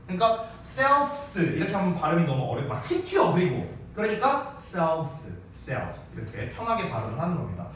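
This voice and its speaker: A man's voice: sits high, a bit bright, distant mic, slight background noise. A man teaching a casual, joking English grammar lesson to a class, switching between polite and informal speech. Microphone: wearing a mask, mic some distance away. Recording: very echoey room, voice off-mic with faint ambience.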